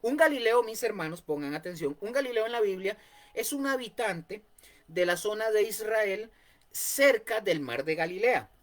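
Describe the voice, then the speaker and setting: Leading a Bible study, this Costa Rican man speaks in a high, animated voice. His style is explanatory, with key points repeated and frequent pauses on fillers.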